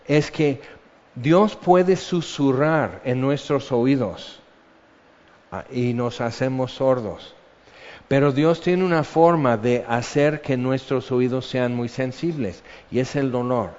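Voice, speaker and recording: A man's voice: fairly high pitch, darkish tone. A man with a Mexican accent preaching a sermon as a conversational Bible lesson, explaining things in a chatty way and often checking in with "ok". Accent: Mexican Spanish. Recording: dull audio with long hall reverb.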